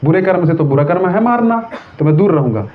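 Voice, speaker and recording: A man acting out a doubting young warrior prince who pleads for a plain answer, in a high-pitched voice inside a sermon. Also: expressive, fast. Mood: earnest reasoning. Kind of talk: acted scripture quote in a sermon. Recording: tinny phone-like sound.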